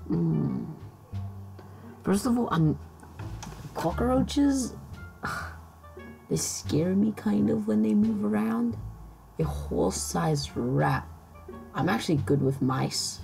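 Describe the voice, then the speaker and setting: A woman's voice: deep voice, gravelly, mellow. A woman vlogger musing aloud in casual chat, hesitant, with many restarts.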